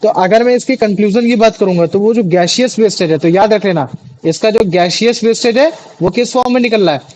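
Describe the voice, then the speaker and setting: High-voiced man teaching a class. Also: brisk, a little mellow, rough recording. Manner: chatty, repeats questions to students, many fillers. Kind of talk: classroom biology lesson.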